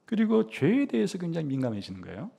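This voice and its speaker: A middle-aged male pastor preaching a storytelling sermon, acting out the voices in the story, with many "uh" fillers and soft trailing endings. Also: fairly high pitch, fast talker, vocal fry, breathy edge. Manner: animated storytelling, acting out a child's and mother's lines.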